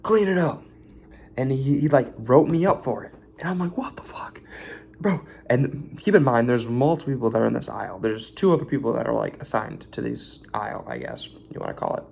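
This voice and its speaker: A man's voice: medium pitch, a little fast, creaky, hardly any pauses, darkish tone, slight background noise. A tired young man venting in a casual vlog rant about his warehouse shift, rambling and swearing.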